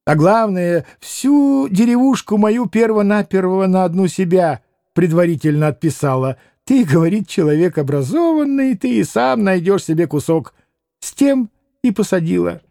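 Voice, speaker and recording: A man's voice: high-pitched, animated, a little slow, creaky, warm tone, no echo, studio quality, voice pushed up, exaggerated voice. A man voicing a fawning, talkative old landowner who tacks a deferential "-s" onto his words. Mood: meek. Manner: ingratiating, adds deferential "-s" to words. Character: fawning old petty landowner, chatty fibber.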